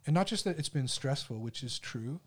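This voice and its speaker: A man's voice: mid-range voice, expressive, fairly quick. A man talking through an idea in casual, reflective conversation, hosting a discussion.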